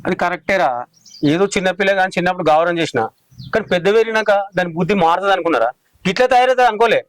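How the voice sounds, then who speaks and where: Rapid-talking irritable man. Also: high voice, expressive, dry recording, low-quality recording. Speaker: father in comedy sketch. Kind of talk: scripted village comedy acting.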